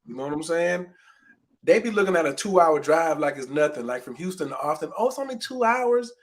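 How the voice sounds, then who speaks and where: A man's voice: on the high side, animated, brisk. Easygoing male livestream host. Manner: easygoing, gives viewers shout-outs. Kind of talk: casual livestream chat.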